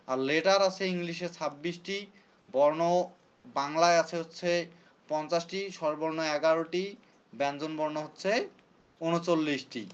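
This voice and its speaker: Man teaching a class, slightly high voice. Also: dull audio. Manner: repeats points and quizzes students. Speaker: English teacher. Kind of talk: classroom lecture.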